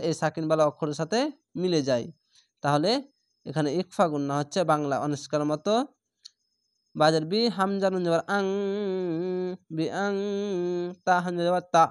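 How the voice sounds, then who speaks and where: A man teaching recitation as a lesson. He patiently spells each syllable, explains the rules, then recites the word slowly and drawn out. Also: fairly high pitch, no room sound, clean studio sound. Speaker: Quran reading teacher.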